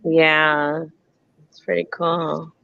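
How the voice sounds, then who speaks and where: A woman's voice: low voice, little pitch movement, extremely slow, creaky, fairly bright tone, no echo, highs cut off. A woman in her forties, from Southern California, telling stories in a casual chat and laughing often. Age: 40s. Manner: laughs often, tells stories with lots of "I'm like".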